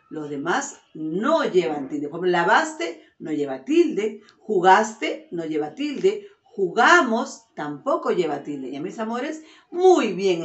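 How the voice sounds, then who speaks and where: A woman primary teacher giving a virtual lesson to young children, fondly calling them her loves and drawing out each example sentence slowly. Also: medium pitch. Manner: affectionate, calls children "mis amores"; slow, drawn-out sentences for dictation. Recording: roomy, dull lo-fi sound.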